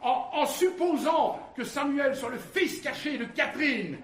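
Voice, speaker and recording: An actor playing an excitable, nosy male friend who stammers and bursts out loudly, in a stage comedy. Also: very high-pitched, a little slow. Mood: frantic gossip. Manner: frantic stammering, loud outbursts. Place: theatre stage. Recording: roomy theatre stage with audience.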